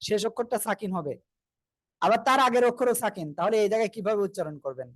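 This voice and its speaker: A man leads an online Quran recitation class, patiently drilling pronunciation and calling on everyone to repeat together. His voice sits high, and the sound is close and dry with no room around it. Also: expressive, fast, dry recording. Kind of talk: online group class teaching.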